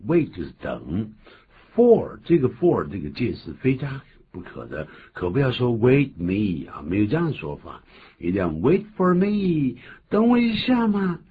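A man co-hosting a bilingual radio English lesson, explaining phrases in a lively way and acting out short quotes. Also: lowish voice, normal speed, slightly rough. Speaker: English teacher co-host. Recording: phone-like lo-fi with faint hiss.

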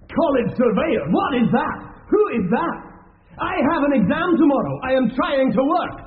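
Irascible, scolding, high-pitched student. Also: male voice, very animated, moderate pace. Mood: furious, scolding. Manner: scolding, blustering, indignant. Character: irascible scolding male student shouting through a door. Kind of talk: period radio drama acting. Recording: muffled, phone-like band-limited radio recording.

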